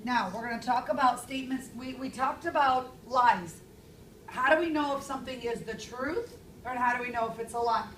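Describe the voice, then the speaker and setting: A woman in her thirties teaching a classroom language lesson, speaking clearly and stressing key words. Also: fairly high pitch, moderate pace, fairly bright tone, slight background noise. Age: 30s. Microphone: far camera. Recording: echoey classroom from far off.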